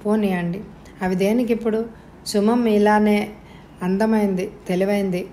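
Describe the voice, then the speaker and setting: A woman voicing a grateful, lonely young man who speaks in a rushed, heartfelt way in a storybook reading. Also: mid-range voice, steady tone, dark tone, a little hiss or hum, close to an everyday voice. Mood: earnest.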